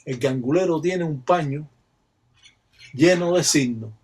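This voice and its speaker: Slow husky man. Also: a little high, a little mellow. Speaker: religious practitioner explaining a ritual. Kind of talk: slow instructional narration.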